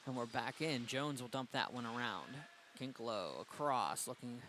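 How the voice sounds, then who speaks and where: A man doing play-by-play commentary for a high school hockey game, brisk and getting louder on big plays. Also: background noise. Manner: brisk, rises in excitement on goals. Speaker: play-by-play announcer.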